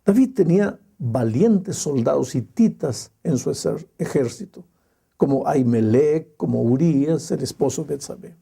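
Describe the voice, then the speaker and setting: A male pastor preaching a sermon in a slow, emphatic way with dramatic pauses. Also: fairly high pitch, expressive, gravelly, warm tone, slightly rough.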